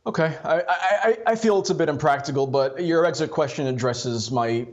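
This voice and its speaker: A man debating as a political pundit in a measured, conciliatory way, on dull lo-fi audio. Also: a little high.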